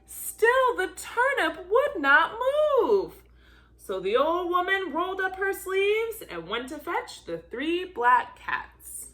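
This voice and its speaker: A volunteer storybook reader, a woman, reads a children's story aloud in a theatrical style, her extremely high, pushed, bright voice swinging hugely in pitch. She stretches out key words, especially repeated action words, for drawn-out emphasis.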